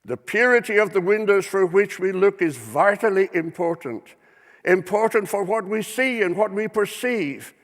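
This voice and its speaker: A male minister preaching a sermon in church, measured and deliberate, with dramatic rhetorical questions. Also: high voice, expressive, in a large hall.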